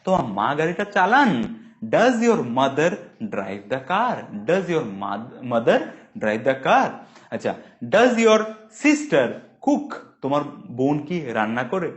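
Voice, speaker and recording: A man with a Bengali accent giving a spoken English lesson, drilling English phrases slowly and explaining them quickly. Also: fairly high pitch, huge pitch swings. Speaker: English tutor. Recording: dull lo-fi sound.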